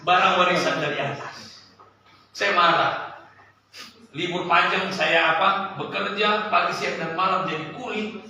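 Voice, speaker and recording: A man preaching a sermon and telling a personal story, with an animated voice that climbs and sinks sharply. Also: high voice, a little slow, pauses often, a little hiss or hum. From Sulawesi, Indonesia. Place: church service hall. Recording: echoey church hall, from a distance.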